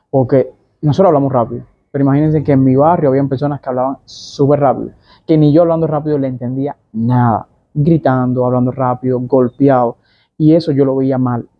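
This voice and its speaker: A man's voice: medium pitch, dry recording, lo-fi sound. A young man with a Cuban Spanish accent, talking casually to camera as a vlogger and explaining things with many asides and examples. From Cuba.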